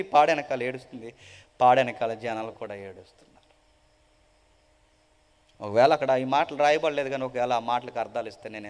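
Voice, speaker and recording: Man, preacher, Telugu-speaking South Indian accent, dramatic gospel sermon, rhetorical questions, long hall echo. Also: medium pitch. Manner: swings from loud proclaiming to hushed, mournful tones; asks the crowd repeated rhetorical questions. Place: large gospel meeting hall.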